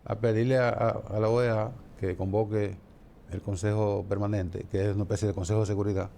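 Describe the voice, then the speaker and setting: A man's voice: fairly low pitch, flat delivery, a little fast, vocal fry, warm tone, a little hiss or hum. A man commenting on politics in casual studio talk, often repeating words as he searches for the next phrase.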